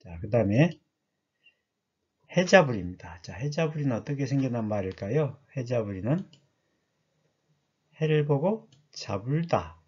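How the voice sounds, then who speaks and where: A man's voice: medium pitch, big pitch swings, a little slow, pauses often, husky, lo-fi sound. A man giving a chatty lecture that explains dialect words, often asking his listeners questions.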